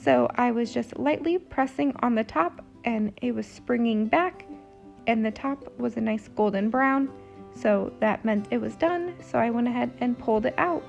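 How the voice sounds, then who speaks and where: A woman talks through a cooking step in a relaxed voice-over. Her slightly high voice has a gravelly fry to it. The sound is a bit dull and muffled, with light guitar music playing behind her. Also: moderate pace. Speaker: cooking channel host. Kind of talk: recorded voice-over narration.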